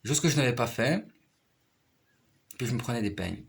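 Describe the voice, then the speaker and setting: Husky-voiced man, rambling and repetitive. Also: mid-range voice, expressive, moderate pace. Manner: rambling, repeats himself, keeps checking the listener follows. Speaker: piano player and teacher. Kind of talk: casual personal conversation.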